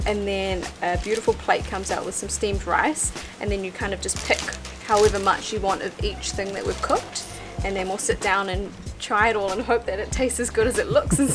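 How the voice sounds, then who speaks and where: A woman's voice: mid-range voice, fairly even intonation, normal speed, over music. A young woman in casual vlog chat, cheerful, describing food as she eats. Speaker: travel vlogger.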